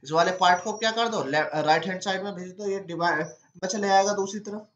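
Man explaining step by step, high voice. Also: brisk, fairly bright tone, echoey room, lo-fi sound. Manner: asks himself questions and answers them step by step. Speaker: teacher. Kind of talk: exam-prep lecture.

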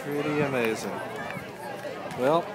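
Awed man amid a loud outdoor crowd. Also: a little high, slow, very noisy. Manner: quiet, awed remarks. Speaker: spectator. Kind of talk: casual remarks. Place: outdoors at a launch site.

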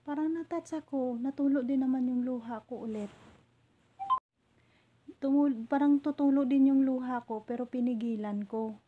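A woman from the Philippines telling a hurtful story from her job as a domestic helper, in a halting way with many restarts. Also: high voice, narrow, tinny audio. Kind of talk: emotional personal storytelling.

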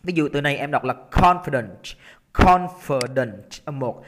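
A man from Vietnam runs a recorded exam-prep lesson with a slightly high voice. He is lively and coaxing, slows right down to draw out each stressed syllable, then speeds back up to check his students are following. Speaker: English teacher. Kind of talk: exam-prep lesson, explaining test answers. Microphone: computer recording while drawing on screen.

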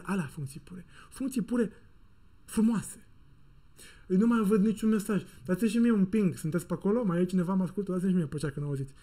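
Man, tech speaker on a video call, mellow husky voice, jokey and animated. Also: high-pitched. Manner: animated and joking, with playful sound effects and slang. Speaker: software conference speaker. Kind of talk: casual technical talk to an online audience.

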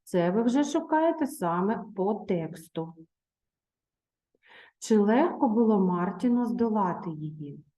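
A woman teacher speaks in a warm, mellow voice at a middling pitch. She reads a children's tale aloud at an even, patient pace. Then she turns to her pupils with simple questions and instructions. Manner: patient, measured, addresses children directly. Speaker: primary school teacher. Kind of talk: reading a story aloud, then a reading lesson.

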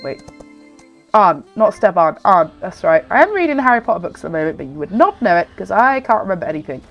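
Congested, lively woman with a pinched-nose sound. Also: medium pitch, fast talker, muffled recording, soft background music. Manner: chatty, rambling, self-interrupting. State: congested with a cold. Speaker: gaming video host. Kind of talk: casual chatty game commentary.

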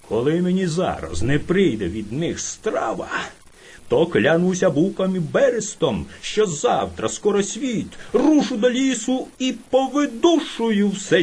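A hungry bear lord from a storybook reading roars and bullies, as a woman puts him on. His threats swing widely up and down in pitch. The voice has a husky edge. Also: big pitch swings, unhurried, a little mellow, full character voice. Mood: furious. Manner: roaring, bullying, boastful.

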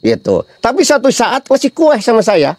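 A man's voice: very high-pitched, huge pitch swings, normal speed, darkish tone, no room sound. A middle-aged man, preaching a casual sermon full of funny anecdotes and rhetorical questions to his listeners. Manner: chatty, humorous storytelling with rhetorical questions to the audience.

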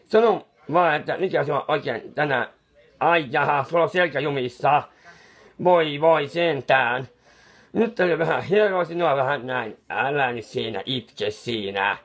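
A man's voice: a little high, fairly bright tone. A man playing a bumbling, befuddled clown painter who rambles in confused mutters with restarts, kindly fussing over someone crying. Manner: soothing, scolding someone who cries. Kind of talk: comic improvised monologue.

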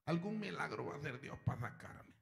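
A man voicing a sneaky male thief who mutters to himself in a hushed, half-whispered way. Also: a little high, animated, fairly quick, gravelly, slight background noise. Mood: contented.

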